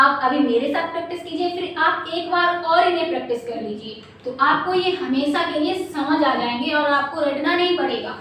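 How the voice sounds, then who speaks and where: Woman grammar teacher, very high pitch, quizzes and answers herself, far from the mic in a very echoey room. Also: pushed and bright, slight background noise. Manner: asks questions and answers them herself, drilling by repetition. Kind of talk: exam-prep lesson.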